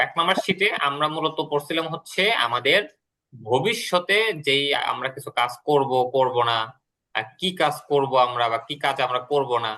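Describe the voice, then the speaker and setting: Bright-voiced teacher explaining patiently. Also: male voice, mid-range voice. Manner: explains patiently, repeating words and translations. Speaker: English teacher. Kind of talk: classroom lesson.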